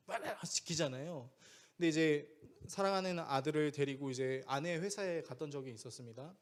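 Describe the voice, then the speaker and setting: A man preaching a sermon as pastor, speaking conversationally and asking the congregation questions. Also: darkish tone. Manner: acts out quoted voices with big pitch swings.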